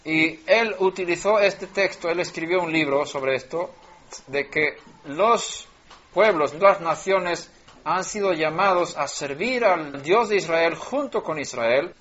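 Guy teaching bible verses, kinda high voice, repeats and restarts words, muffled lo-fi recording. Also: slow pace, a bit bright. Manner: rises in pitch and volume when stressing a verse. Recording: lo-fi dull recording.

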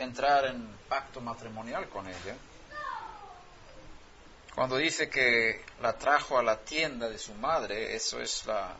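With a sharp tone in a mid-range voice, this native Swedish speaker preaches, pressing his case through rhetorical questions. Slight background noise and faint ambience sit in a dull, lo-fi recording.

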